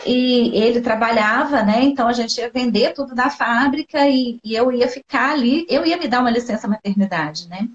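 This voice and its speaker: A woman's voice: on the high side, moderate pace, few pauses. A woman with a Brazilian Portuguese accent, a guest sharing a personal story with heartfelt emotion on a video call, often saying "né" and "sabe". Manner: heartfelt, tearful at times, fills speech with "né" and "sabe". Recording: dull lo-fi live stream audio.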